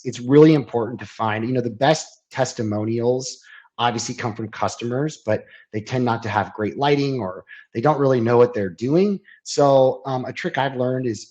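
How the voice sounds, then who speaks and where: A man's voice: mid-range voice, darkish tone. Chatty man on a video call. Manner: chatty, with many fillers and repeated words. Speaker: creative strategy manager, guest. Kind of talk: casual webinar conversation. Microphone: video call microphone.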